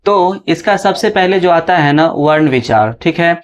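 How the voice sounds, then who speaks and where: Male tutor with a slightly high voice, explaining patiently and checking in often. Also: expressive. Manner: explains step by step with frequent "है ना" and "ठीक है" check-ins; draws out letter sounds slowly when reciting them. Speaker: teacher. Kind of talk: classroom lesson explanation.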